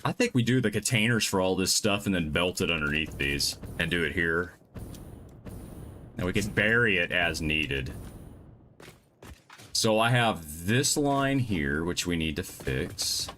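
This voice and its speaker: Low-voiced man musing through gameplay. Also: lively intonation, unhurried, bright, forceful tone, slight background noise. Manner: thinks aloud, muttering to himself while planning. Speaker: live-stream gamer. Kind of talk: casual gameplay commentary. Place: home.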